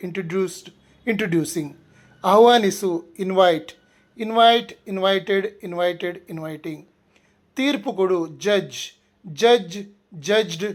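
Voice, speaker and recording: A man teaching a language lesson, reciting each verb form twice in a steady rhythmic drill, then plainly explaining his course. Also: high-pitched.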